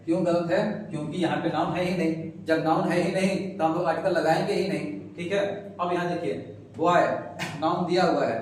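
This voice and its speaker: A man teaching a classroom grammar lesson drills each sound slowly and asks questions that he answers himself. His voice sits a little high. He is recorded from a distance in a strongly echoing room with a faint hum of noise behind him. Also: darkish tone. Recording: echoey room, mic far off, faint noise.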